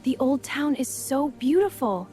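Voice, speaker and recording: A woman playing an excited young tourist, narrating a beginner English lesson with very slow talking in short simple sentences. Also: sits high, faint music behind. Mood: calm wonder.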